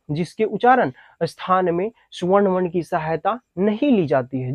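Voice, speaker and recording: Man, high voice, grammar teacher, repeats definitions, asks and answers himself, dull dry lo-fi sound. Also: dry recording. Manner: repeats each definition several times, asks and answers his own questions. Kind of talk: classroom grammar lesson.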